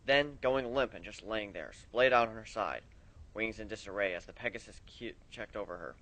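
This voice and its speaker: Low-voiced man reading a story aloud. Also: moderate pace, a bit bright, poor audio. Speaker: fan fiction reader.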